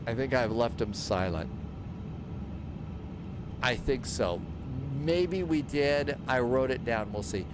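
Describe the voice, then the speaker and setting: A man's voice: medium pitch, animated, slow, pauses often. A man hosting a flight simulator livestream, chatting casually and thinking aloud as he narrates his steps. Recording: clear aircraft engine noise behind. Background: simulator aircraft noise.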